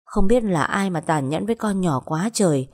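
A woman tells a first-person story. Her voice sits low and she keeps a steady storytelling pace. In dialogue she turns sly and probing. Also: moderate pace. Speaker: narrator.

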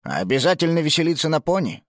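A woman's voice: deep voice, very animated, fast, no room sound, studio quality, pitched below the performer's own voice. A woman voicing a puzzled old grandfather who mutters and grumbles, read as an audiobook. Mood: grumbling. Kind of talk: audiobook narration.

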